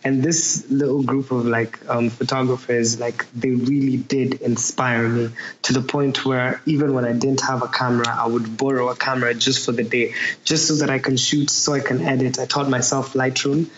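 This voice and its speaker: A man's voice: medium pitch, little pitch movement, normal speed. A man in his twenties from Nairobi with a Kenyan accent, chatting casually as an interview guest, often saying "like". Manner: chatty, frequent use of "like". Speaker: photographer being interviewed. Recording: roomy, dull, faint background noise.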